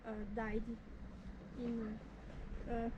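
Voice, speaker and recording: An older woman from France with a French accent, giving brief, halting answers in English as a native French speaker chatting on the street. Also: fairly high pitch, completely flat delivery, dark tone. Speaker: local resident. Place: outdoors on a village street by a car. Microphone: someone else's camera a few metres away. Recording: muffled, off-mic outdoor street noise.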